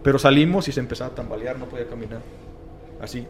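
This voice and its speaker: A man's voice: medium pitch, rapid-fire, a little hiss or hum. A man with a Mexican accent telling a paranormal story in casual chat, acting out the voices of the people he quotes. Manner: animated, acts out quoted voices in slang-heavy chat. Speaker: guest storyteller, paranormal content creator.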